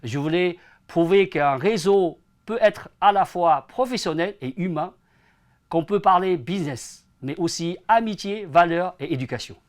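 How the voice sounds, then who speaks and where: Interviewed as a guest, this man in his forties, an entrepreneur who presides over an association, was born in China and moved to France at ten. He answers earnestly, with prepared replies, in a high, expressive voice at a measured pace.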